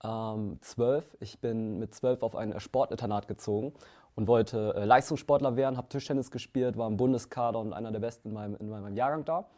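A man's voice: lowish voice, fairly quick, warm tone. A man in his twenties, founder of a company, answering interview questions casually with many fillers and restarts. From Germany. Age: 20s. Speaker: founder and CEO, interview guest.

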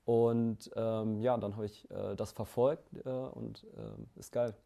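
A man's voice: on the low side, slow, gravelly, dark tone. A man in his twenties, founder of a company, answering interview questions casually with many fillers and restarts. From Germany. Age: 20s. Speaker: founder and CEO, interview guest.

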